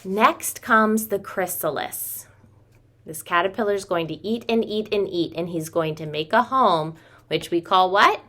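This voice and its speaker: Demonstrating a craft from a small room at home, a preschool teacher in her thirties talks simply to little kids and addresses them as friends. She has a mid-range, slightly bright voice and takes her time.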